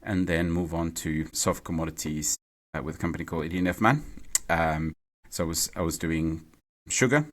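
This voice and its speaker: A man from Mexico, a guest in a podcast interview, talking in a halting way and repeating words as he thinks. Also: a bass voice. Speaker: podcast guest, renewable energy CEO. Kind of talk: casual interview conversation. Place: home or office in London.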